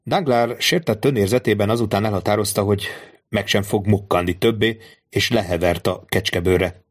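A male narrator reads a classic novel aloud in steady, measured storytelling. His voice sits somewhat low. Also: breathy edge. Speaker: audiobook narrator. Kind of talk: scripted literary narration.

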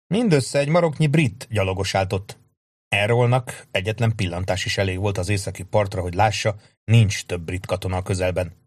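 A man with a fairly low voice narrates a book in a steady, dramatic way. The sound is dry and close, with no room around it. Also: dry recording. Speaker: audiobook narrator. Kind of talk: scripted narration.

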